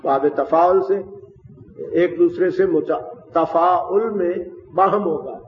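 A man giving a methodical classroom lecture on Arabic grammar, explaining step by step with frequent pauses. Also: sits high. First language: Urdu. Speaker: teacher of Quranic Arabic grammar. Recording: distant, dull, roomy hall with faint hiss.

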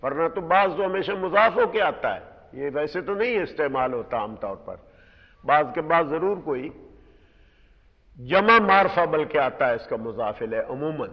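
A man gives a careful lesson, explaining words one at a time in a slightly raised voice. He slows down to stress key terms. The recording sounds muffled, with a long reverb. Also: on the high side. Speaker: Quran teacher. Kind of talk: word-by-word Quran grammar lesson. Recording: dull recording in a reverberant hall.

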